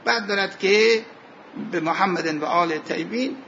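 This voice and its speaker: A man teaching a seminary class on Arabic grammar and scripture, asking his students questions, answering them himself, and reciting verses slowly. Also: sits high, a bit bright, lo-fi sound, slight background noise. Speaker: religious studies teacher.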